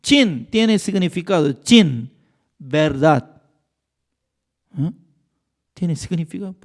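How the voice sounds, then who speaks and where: Un pastor con acento coreano, de lengua materna coreana, que enseña un estudio bíblico con énfasis y preguntas retóricas. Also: male voice, a little high, expressive, slow. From Korea. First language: Korean. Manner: emphatic, with rhetorical questions and non-native grammar. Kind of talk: Bible study teaching.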